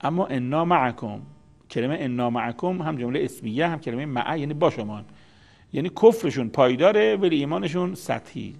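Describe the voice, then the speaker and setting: A man comments on the Quran in a religious lecture on scripture, patiently explaining terms and repeating key words for emphasis. His voice is fairly high and creaky, with a darkish tone and lively intonation.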